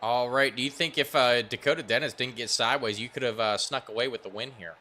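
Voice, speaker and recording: A man hosting post-race interviews for an online racing league, asking upbeat, hurried questions with plenty of fillers. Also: medium pitch, pushed and bright. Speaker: esports racing broadcaster interviewing drivers.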